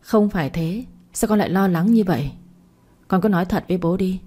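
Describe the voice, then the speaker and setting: A woman's voice: fairly low pitch, fairly quick, warm tone, slightly rough. A woman voicing a greedy, calculating father who questions his daughter insistently. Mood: urgent.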